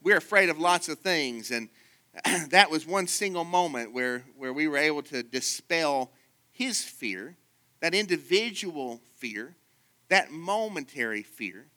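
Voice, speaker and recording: A man preaching a sermon as pastor. He shifts from soft asides to loud emphatic peaks and tells stories with fillers and repeated words. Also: a little high, animated, unhurried.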